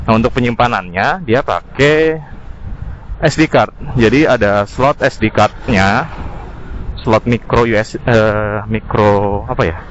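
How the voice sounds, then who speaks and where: Riding a scooter through city traffic, a motovlogger casually reviews gear and mixes in English terms, speaking slowly in a voice on the low side. His helmet intercom mic yields dull audio, with faint traffic and engine noise behind him.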